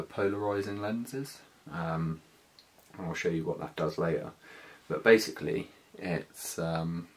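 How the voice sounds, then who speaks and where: A British man in his thirties giving a casual, slangy, slightly hesitant hands-on gear walkthrough indoors. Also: deep voice. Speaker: motovlogger. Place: small living room, indoors.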